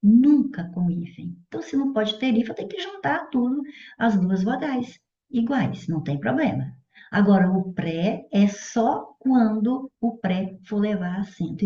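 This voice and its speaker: A Brazilian woman teaching a grammar lesson for exam prep. She explains step by step and keeps asking whether her students follow. The recording is dull and muffled, with the echo of a bare room. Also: mid-range voice. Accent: Brazilian Portuguese. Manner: didactic, checks in with "certo?" and "olha". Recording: dull echoey room audio.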